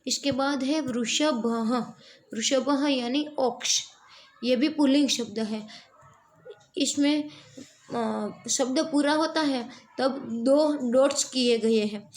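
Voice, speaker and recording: A woman's voice: high voice, takes it slowly. A woman teacher gives a classroom lesson and draws out each sound she demonstrates. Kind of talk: slow classroom explanation of vowel sounds.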